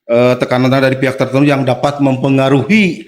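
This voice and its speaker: Steady Indonesian-speaking man explaining plainly. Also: medium pitch, a little fast. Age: 40s. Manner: steady explanatory, agrees often with short replies. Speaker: guest official. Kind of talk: casual podcast conversation.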